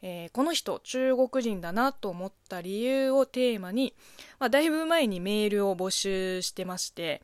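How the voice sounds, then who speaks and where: A woman's voice: mid-range voice, animated, moderate pace, clear, resonant tone, no echo, clean studio sound. A woman from China, native speaker of Chinese, hosting a radio show; she reads listener mail and comments in a chatty, teasing way. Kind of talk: casual solo radio talk, reading listener mail.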